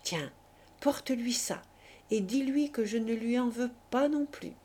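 A woman voicing a gentle, self-effacing older brother who speaks tenderly and softly. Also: a little high, a little slow, pitched above the performer's own voice. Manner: tender, soft-spoken.

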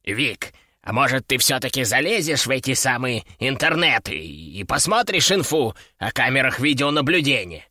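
A man voicing a grumbling, sardonic male talking parrot in an audiobook, a bit lower and slower than his narration. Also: sing-song, pushed and bright, no echo, clean studio sound, full character voice. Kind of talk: audiobook character voice.

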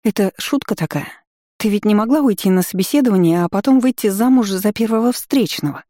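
An audiobook reader voicing a lively young woman who fires off questions and scolds her friend. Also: medium pitch, no room sound, clean studio sound, pitched above the performer's own voice, lightly acted. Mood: questioning. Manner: exclaiming, chiding, quick questions. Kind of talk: audiobook character voice.

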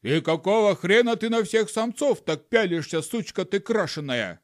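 A man voicing a loud, rude, jealous male monkey in an audiobook. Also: high-pitched, animated, normal speed, dry recording, clean studio sound, voice pushed up. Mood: jealous angry.

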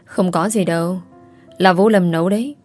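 A woman voicing a bossy, quick-tempered middle-aged mother. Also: lowish voice, steady tone, darkish tone, soft background music, lightly acted. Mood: kindly. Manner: scolding, emphatic.

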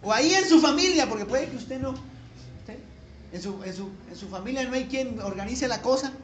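High-voiced Colombian pastor in an echoey church. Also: male voice, expressive, moderate pace, slight background noise. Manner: folksy and joking, building to emphatic peaks. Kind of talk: conversational sermon. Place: church sanctuary.

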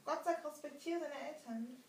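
A woman's voice: high voice, moderate pace, darkish tone. A woman interpreting a sermon phrase by phrase, steadily repeating each line after the preacher. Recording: echoey hall, mic at a distance.

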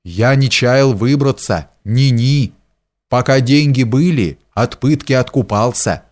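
A man's voice: mid-range voice, takes it slowly, darkish tone, lightly acted. A man playing a robber chieftain just freed from prison, speaking boisterously to his comrades. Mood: joyful. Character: freed robber chief, bold and warm-hearted.

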